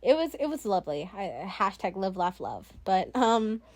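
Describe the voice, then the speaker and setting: A teenage girl hosts her own solo podcast, rambling casually with plenty of fillers, giggles and self-deprecating asides. Her voice is mid-range with big pitch swings, and she talks at a normal speed.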